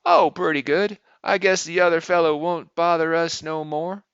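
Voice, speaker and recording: A man doing a high-voiced, self-important canal boy. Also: fairly even intonation, moderate pace, fairly bright tone, smooth, no echo, highs cut off. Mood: proud. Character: young canal boy, proud and boastful.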